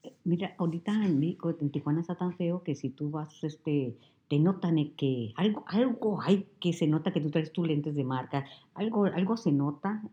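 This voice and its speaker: A woman's voice: low voice, moderate pace, highs cut off. A Mexican woman telling stories in a casual interview, acting out what people said to her. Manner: animated storyteller who acts out quoted dialogue. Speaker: guest. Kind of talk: casual conversation.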